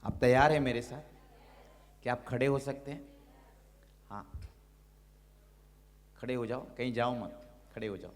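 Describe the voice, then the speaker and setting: A man preaching as a pastor, slow and deliberate, calling out hallelujah and leading a congregation in fervent prayer. His voice rings through the long reverb of a large church hall. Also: mid-range voice. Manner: exhorting, repeats hallelujah; leads a loud impassioned prayer. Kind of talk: sermon.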